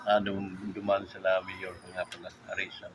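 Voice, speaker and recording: A man hosting a casual vlog, joking and rambling, tagging his phrases with 'no?', a bit hoarse after a recent illness. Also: low voice, completely flat delivery, normal speed. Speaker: motovlogger host. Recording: vlog with loud background noise.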